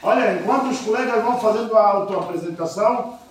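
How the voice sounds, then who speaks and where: A man's voice: sits high, fast, heavy background noise. Courteous man announcing from far off. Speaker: workshop organizer. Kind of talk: announcing to a room. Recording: distant mic in echoey room with a crowd.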